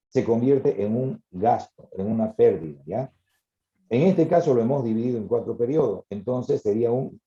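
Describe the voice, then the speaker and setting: A man's voice: medium pitch, warm tone, reverberant, highs cut off. A man teaching an accounting class, explaining patiently and checking that students follow. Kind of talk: classroom lecture.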